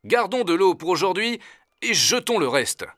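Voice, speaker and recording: A man's voice: sits high, big pitch swings, moderate pace, a bit bright, no echo, clean studio sound, pitched above the performer's own voice. A man voicing a decisive male doctor leading an expedition, giving urgent orders, in a storybook reading.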